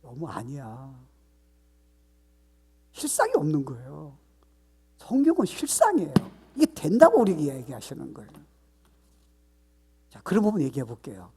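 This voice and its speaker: A man's voice: on the high side, wildly swooping pitch, moderate pace, pauses often, dark tone, slightly rough. An older man, a pastor, preaching a sermon with emphatic delivery and frequent rhetorical questions.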